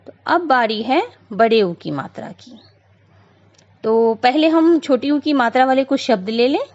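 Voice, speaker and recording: Woman teacher, slow and patient, lively pitch, dull lo-fi sound, lesson read-through. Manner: patient, repeats points, frequent "a" fillers. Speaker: Hindi grammar teacher. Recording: dull lo-fi recording.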